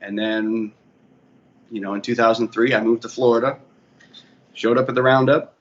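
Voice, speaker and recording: This man has a medium pitch, fairly even intonation and a moderate pace, plus a Boston accent from the Boston area, USA. A DJ and bar manager, he's the guest in a casual interview, telling his career story in a rambling fashion and correcting himself a lot. The recording sounds muffled, with faint ambient noise.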